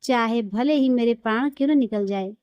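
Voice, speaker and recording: A woman's voice: a little high, moderate pace, no echo, highs cut off, close to an everyday voice. A woman voicing a frail, devout old woman who pleads earnestly in a devotional story. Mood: pleading.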